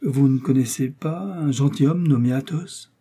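Brief: earnest young novice, emphatic, dark breathy timbre, played by a man. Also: mid-range voice, moderate pace, close to an everyday voice. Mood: eager. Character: earnest, trusting young woman, a novice in a convent.

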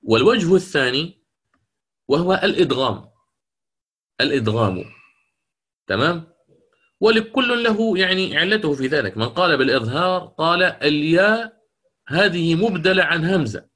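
A man teaching the rules of Quranic recitation in a lecture, explaining patiently, repeating key phrases and chanting verse examples slowly. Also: fairly high pitch, big pitch swings, a bit bright, breathy edge.

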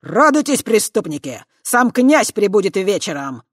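A reader voicing a pompous, gloating male spirit who guards a magic prison, loud and blustering. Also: medium pitch, big pitch swings, a little slow, breathy edge, no echo, clean studio sound, pitched above the performer's own voice. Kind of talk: audiobook character voice.

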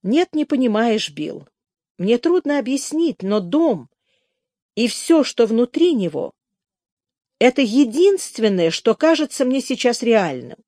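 A woman reading the part of an anxious, stubborn young woman in a slow, raised voice. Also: on the high side, very animated, mellow, no room sound, studio quality, pitched above the performer's own voice.

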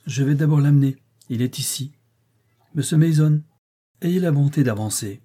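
A man's voice: fairly high pitch, moderate pace, warm tone, slightly rough, pitched above the performer's own voice. A man voicing a firm, persistent lawyer in an audiobook reading.

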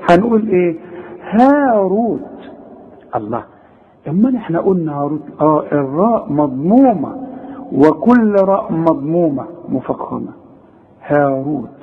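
A man with an Egyptian accent teaching Quran recitation rules, quizzing the student and slowly modelling each word. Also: on the high side, phone-quality sound, slight background noise. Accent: Egyptian Arabic. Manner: animated, demonstrates recitation slowly, questions the student. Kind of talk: tajweed lesson.

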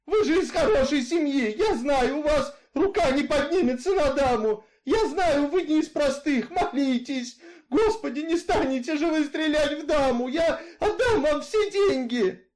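Man putting on a shrill pleading old grandmother. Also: expressive, unhurried, few pauses, darkish tone.

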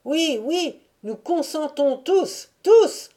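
A woman shouting as a rowdy Cossack mob. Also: medium pitch, unhurried, lightly acted. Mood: rough urging. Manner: shouting, rough, cries of names. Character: rowdy crowd of drunken male Cossacks.

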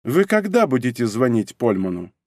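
A man's voice: a little high, big pitch swings, moderate pace, no room sound, clean studio sound, voice pushed up. A man voicing a cold, domineering woman spy in an audiobook, icy and mocking in manner. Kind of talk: audiobook character reading.

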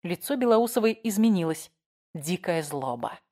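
A woman narrating a crime thriller audiobook in a measured, tense manner. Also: on the low side, expressive, dark tone.

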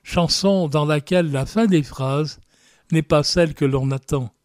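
Chatty French radio host. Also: male voice, fairly high pitch, unhurried, darkish tone, no room sound, clean studio sound. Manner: chatty, with fillers. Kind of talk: casual radio presenting.

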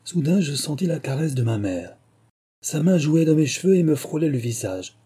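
Male narrator, literary audiobook, slow and lyrical, mellow, husky. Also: a little high, big pitch swings.

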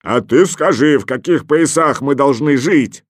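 A man voicing a huge, angry polar bear in an audiobook, booming slowly and forcefully. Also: no echo, studio quality, natural voice. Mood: roaring.

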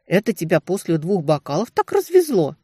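A woman voicing a panicky young woman friend who shouts and frets in an audiobook. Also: fairly low pitch, wildly swooping pitch, a little fast, slightly rough, no echo, studio quality, pitched above the performer's own voice, heavily acted. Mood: worried. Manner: loud, shrieking, agitated.

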